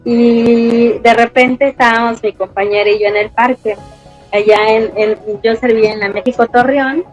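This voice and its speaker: A woman with a Mexican accent, a panelist telling a story in a gentle, affirming way. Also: fairly high pitch, steady tone, normal speed, muffled recording, faint music behind. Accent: Mexican Spanish. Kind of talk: conversational storytelling.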